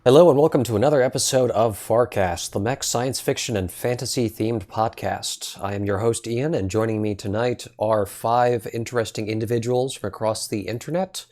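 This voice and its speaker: A man's voice: mid-range voice, moderate pace, hardly any pauses, a little mellow. A man hosting a podcast, chatting casually and joking with his guests, with frequent filler words. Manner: easygoing, joking, lots of filler ums. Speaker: podcast host. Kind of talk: casual chat.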